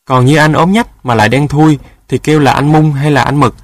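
Storybook little boy, wide-eyed and naive, pitched up, a man playing him. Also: steady tone, fairly quick, dry recording, clean studio sound, close to an everyday voice. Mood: eager. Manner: eager, innocent questions. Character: curious, naive little boy searching for pets.

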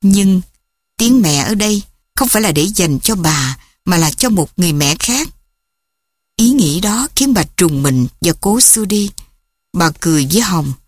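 A woman narrating a story in a soft, measured and dramatic reading. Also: lowish voice, lively intonation, dry recording, studio quality.

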